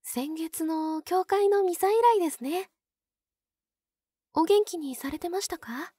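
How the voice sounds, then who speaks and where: Very high-voiced, soft yandere nun, ASMR role-play. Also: female voice, dry recording. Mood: sweet, demure. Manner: polite, soft, demure, lingering pauses. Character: pure young yandere nun, sweetly possessive and obsessive.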